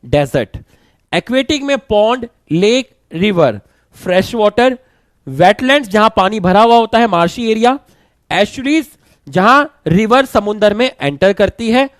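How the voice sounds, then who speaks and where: A man with a sore throat giving a brisk online revision lecture, urging his students to hurry along. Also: high-pitched, no echo. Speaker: online teacher.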